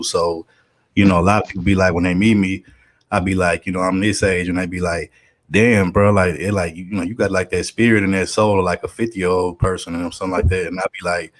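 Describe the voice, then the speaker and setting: Deep, flat-voiced Houston man. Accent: Houston Southern US. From Houston, Texas. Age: 30s. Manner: laid-back, rambling with many fillers. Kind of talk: casual podcast chat.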